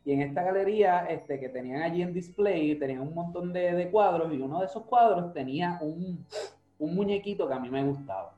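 Man, relaxed storyteller, echoey room, dull muffled sound. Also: fairly high pitch, brisk. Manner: relaxed, mixes in English words. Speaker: podcast co-host. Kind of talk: casual storytelling chat. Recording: roomy, dull sound with faint music.

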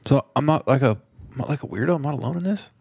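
A man's voice: medium pitch, animated, racing, gravelly, darkish tone, breathy edge, no echo. Rambling casual male podcast host, dry sound. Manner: rambling, loose, swears casually. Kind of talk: casual chat.

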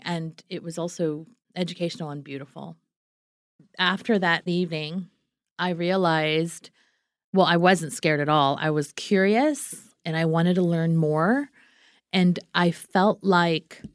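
A woman's voice: on the low side, no echo, clean studio sound. A woman telling her own story as an interview guest, reflective and earnest. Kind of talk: personal storytelling.

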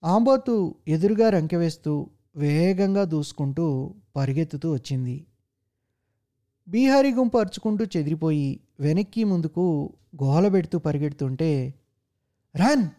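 A man reading a story aloud as narrator, in a measured, steady way. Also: a little high.

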